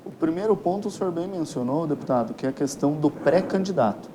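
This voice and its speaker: An electoral lawyer appearing as an expert interview guest, this Brazilian man gives formal, explanatory answers in precise, legalistic wording with a Brazilian Portuguese accent. He talks fast and animatedly in a fairly high voice, and ambient background noise is clearly audible.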